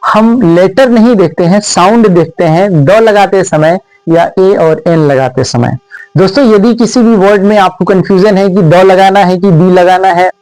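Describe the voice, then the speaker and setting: A man with a Hindi accent teaching an English lesson, who explains step by step, asks the viewers questions and repeats example words slowly. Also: sits high, a little mellow, no echo, poor audio.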